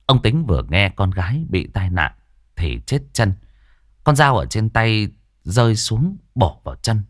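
Give me a lively male ghost story narrator. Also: lowish voice, unhurried, dry recording. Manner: dramatic, expressive. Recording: dry studio voice with faint music.

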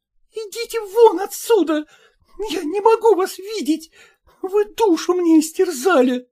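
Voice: normal speed, warm tone, close to an everyday voice. A reader doing an offended young wife, curt and cold. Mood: upset. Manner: cold, curt, then shrill.

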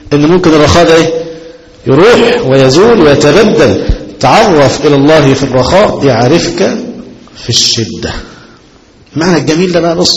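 Man, Egyptian accent, sheikh, religious lesson, animated rhetorical questions, fairly high voice, long hall reverb. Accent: Egyptian Arabic. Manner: animated, asks rhetorical questions and answers them. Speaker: sheikh teaching a hadith book.

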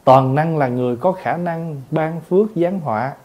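A man's voice: on the high side, moderate pace, darkish tone. A man, a Buddhist monk, giving a patient dharma talk, explaining terms word by word and acting out little everyday exchanges.

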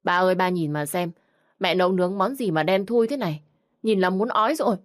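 A woman voicing a spoiled, rude young bride in a narrated story, whiny and shrill. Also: a little fast, no room sound, studio quality, natural voice. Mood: disgusted.

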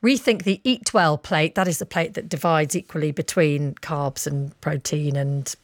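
A British woman presenting breakfast radio, with a fairly low voice. She is close and dry on the studio mic as she moves through news and listener messages. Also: fairly even intonation, moderate pace, no echo. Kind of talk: live news and phone-in presenting. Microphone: close studio microphone.

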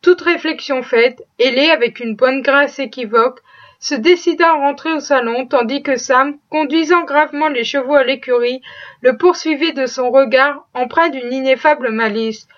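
A woman reading a classic novel aloud as audiobook narration, steady and expressive. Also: sits high, normal speed. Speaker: audiobook reader. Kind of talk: scripted narration. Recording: dull lo-fi recording.

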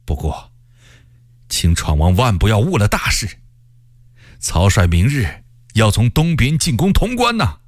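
A man's voice: fairly low pitch, sing-song, unhurried, pauses often, no echo. A male storyteller voicing a captured male rebel messenger who sighs and speaks with scorn, resigned to death. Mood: defiant.

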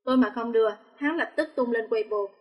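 A woman's voice: on the high side, fairly quick, lo-fi sound, close to an everyday voice. A woman voicing a cold, composed young male celebrity who talks tersely. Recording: long reverb.

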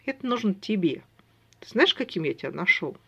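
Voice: mid-range voice, very animated, fairly quick, vocal fry, sharp tone, husky, heavily acted. A reader doing Lami, a sly clipped brother. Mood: stern. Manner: terse, clipped, chiding. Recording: dull lo-fi recording.

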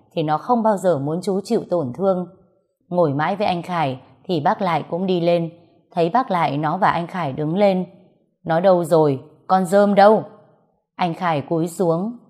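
A woman's voice: lowish voice, normal speed, darkish tone. A woman reading a story aloud as scripted narration, voicing all the dialogue in her own voice.

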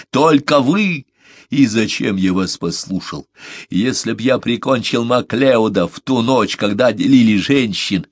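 A man's voice: fairly low pitch, no room sound, studio quality. A man doing Becker, raging and raw. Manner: shouting, fierce, hoarse outbursts. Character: furious grieving man, half-mad with rage.

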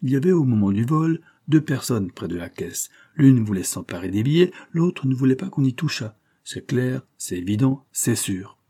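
A man doing an excitable young police agent. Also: mid-range voice, husky, voice pushed up. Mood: excited. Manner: exclamatory, eager, quick to enthusiasm.

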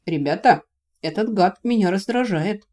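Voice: medium pitch, normal speed, darkish tone, close to an everyday voice. A reader voicing a young male dragon, a grumbling, put-upon protective brother, in an audiobook reading.

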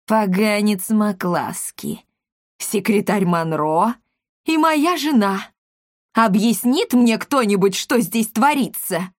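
A woman voicing a hot-tempered male merchant in a storybook reading, loud and indignant. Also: mid-range voice, animated, slow, dry recording, studio quality. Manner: shouting, indignant.

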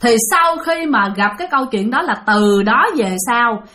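A woman's voice: on the high side, moderate pace. A woman with a Southern Vietnamese accent telling a ghost story, often turning to her listeners. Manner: animated, addresses listeners often.

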